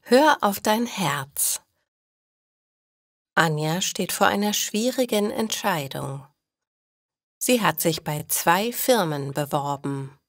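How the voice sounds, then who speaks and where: A woman reading stories for language learners in a slow, clear and deliberate scripted narration. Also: on the low side, animated, no echo, studio quality.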